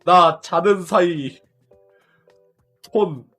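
A man's voice: high voice, extremely slow, a bit bright, faint music behind. A young man streamer casually telling a story to his viewers, laughing often, repeating himself and swearing along the way.

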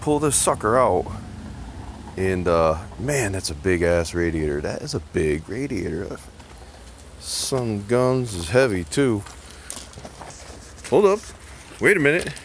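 A man's voice: lowish voice, sing-song, slow, long pauses, slight background noise. A middle-aged man from Connecticut filming a casual, rambling vlog outdoors on a handheld phone, joking and sarcastic as he jumps from topic to topic. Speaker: YouTube vlogger and truck tinkerer. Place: outdoor gravel yard. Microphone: handheld phone camera, speaker off-screen.

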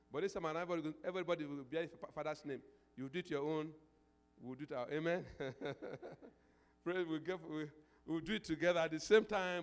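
An older pastor with a slightly high, smooth voice preaches into a handheld microphone on an indoor church stage. He's emphatic, repeats phrases and throws out call-and-response questions, building into declarations of prayer. The hall echoes with reverb.

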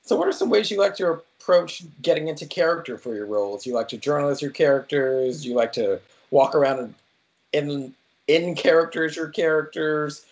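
A man's voice: a little high, lively intonation, moderate pace. A man interviewing a guest over a video call from home, speaking through a wired earphone mic. He is inquisitive and piles up several questions at once before letting the guest answer. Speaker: interviewer, host. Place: indoors at home.

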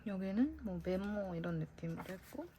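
A chatty young woman muses aloud as she works on a diary, her pitch rising and falling freely. She drifts between easy storytelling and quiet whispered asides. A faint background hiss sits under her voice. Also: expressive, moderate pace. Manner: chatty, musing aloud, soft whispers to herself. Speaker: vlogger. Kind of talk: casual chat while decorating a diary.

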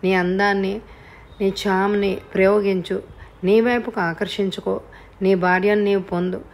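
A woman's voice: mid-range voice, flat delivery, moderate pace, natural voice. Woman reading a frank, pushy woman friend, direct delivery, audio novel. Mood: urging.

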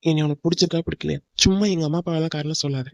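A man's voice: fairly high pitch, fairly even intonation, very fast, gravelly, no echo. A man voicing Hari, an earnest young lover. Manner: pleading, soothing. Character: earnest young man in love, tender and reassuring. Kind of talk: cartoon drama voice acting. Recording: dull lo-fi dry recording.

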